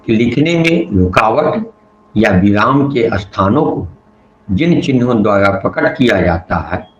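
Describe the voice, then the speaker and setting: A man teaching Hindi grammar in a measured, explanatory way. He slows down to stress example sentences and mixes English words into his talk. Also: on the low side. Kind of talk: explanatory lesson. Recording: echoey room, dull lo-fi sound with faint noise.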